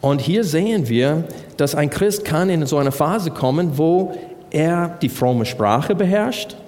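A man's voice: a little high, lively intonation, takes it slowly, a little mellow. Man preaching in a reverberant hall. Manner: asks the congregation rhetorical questions. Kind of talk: sermon, Bible exposition.

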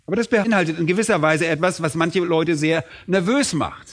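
A man's voice: a little high, a little fast. A middle-aged man preaching a sermon, emphatic, asking questions and answering them himself. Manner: emphatic, asks and answers his own questions.

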